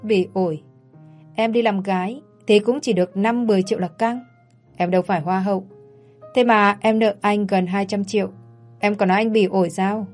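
A woman's voice: medium pitch, steady tone, moderate pace, soft background music, lightly acted. A woman voicing a pushy, menacing young man in a spoken story, with a coaxing, threatening manner.

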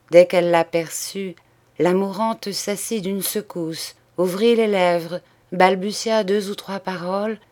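Slow, measured woman reading a story. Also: fairly low pitch, a little mellow. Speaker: audiobook reader.

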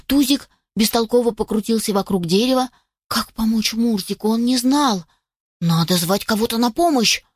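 A woman gently and expressively reading a children's story aloud. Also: fairly high pitch, normal speed, slightly rough, dry recording, studio quality.

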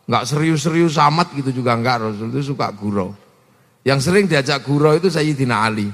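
A preacher telling a humorous story in a sermon, playfully acting out the dialogue. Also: male voice, medium pitch, animated, fairly quick, fairly bright tone, long reverb tail. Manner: playful, acts out dialogue in changing voices.

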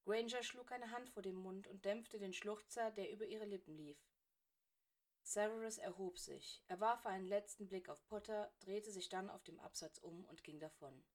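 A woman narrating fan fiction in a steady, expressive storytelling voice. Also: medium pitch, moderate pace. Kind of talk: fan fiction audiobook reading.

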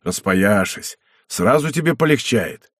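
A boisterous middle-aged nobleman, half drunk, teasing and loud, as a male reader puts him on. His husky voice climbs high and swings about, and the sound is close and dry. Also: lively intonation, unhurried, dry recording. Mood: jovial.

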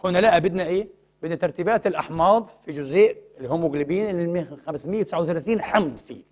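Husky fast-talking man lecturing. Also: a little high, a little mellow. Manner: rhetorical questions, prompting the audience to fill in words. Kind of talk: religious science lecture.

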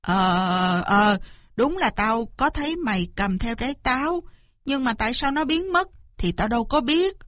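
A woman voicing a gruff, impatient older male farmer in a storybook reading. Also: sits high, animated, normal speed, a bit bright, no room sound, clean studio sound. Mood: grumbling. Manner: blunt, grumbling.

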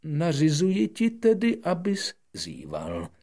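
A man playing a vain, pompous old king in an audiobook, barking loud commands in a raised voice. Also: on the high side, huge pitch swings, pitched above the performer's own voice. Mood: commanding. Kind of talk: audiobook character voice.

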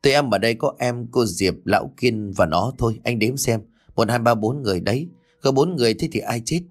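A man voicing an excitable young male sidekick in an audio ghost story, speaking quickly and eagerly. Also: mid-range voice, natural voice. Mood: insistent.

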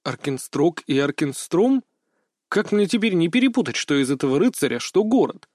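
A man's voice: on the high side, big pitch swings, moderate pace, no echo, studio quality. A man voicing a stern, curt woman ship captain in an audiobook. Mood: sharp. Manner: curt, sharp, strict. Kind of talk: audiobook character voice.

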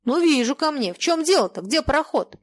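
A woman voicing a cantankerous old merchant who lectures sarcastically and turns shrill when angry. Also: animated, brisk, no room sound. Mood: alarmed demanding. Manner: scolding, sarcastic, turning shrill when enraged. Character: cantankerous old merchant man, sly, quick to rage.

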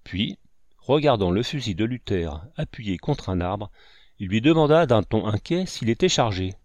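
Low-voiced man narrating an audiobook. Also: animated, normal speed, a little mellow, dry recording. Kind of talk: scripted narration.

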